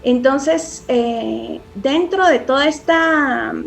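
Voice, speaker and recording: A woman's voice: high voice, drawn-out words, vocal fry, slight background noise. A woman speaking as a parenting expert in a podcast interview, earnest and reflective, often restarting phrases and adding tag questions.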